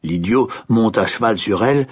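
A man narrating a fairy tale in an expressive storytelling manner. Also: lowish voice, moderate pace, slightly rough. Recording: dull lo-fi recording.

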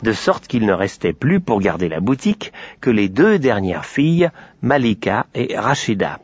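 A man reading a children's tale aloud, lively with playful asides. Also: fairly low pitch, moderate pace, slightly rough, dry recording. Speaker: storyteller. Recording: dry, slightly dull lo-fi recording.

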